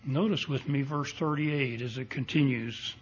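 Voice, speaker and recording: A male pastor preaching a sermon at a pulpit microphone, speaking in a deliberate, emphatic way and building up to strong declarations. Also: medium pitch, husky, lo-fi sound. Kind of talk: expository sermon. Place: church sanctuary.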